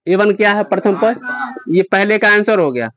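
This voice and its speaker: A man's voice: sits high, normal speed, fairly bright tone. A man teaching a math lesson to a class, explaining step by step and quizzing his students.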